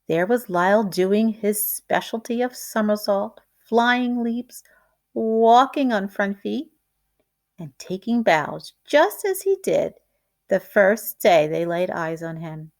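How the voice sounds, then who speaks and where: A woman with a medium-pitched voice reads a children's picture book aloud the way a teacher would. Her storytelling is deliberate and expressive.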